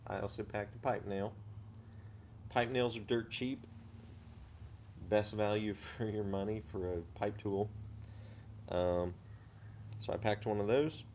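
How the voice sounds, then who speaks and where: A low-voiced man with a darkish tone hosts a casual pipe-smoking live chat. He speaks unhurriedly and describes items in detail against a faintly noisy background.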